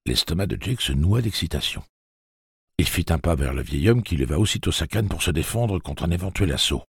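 A man narrating an audiobook in a measured storytelling manner. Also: low voice, expressive, creaky, breathy edge, dry recording, clean studio sound. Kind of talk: scripted narration.

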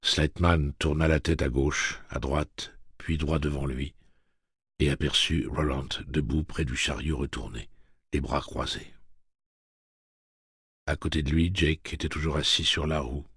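A man reading a novel aloud as an audiobook narrator in a measured, dramatic way. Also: a bass voice, steady tone, fairly bright tone, slightly rough, no echo, studio quality. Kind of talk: scripted narration.

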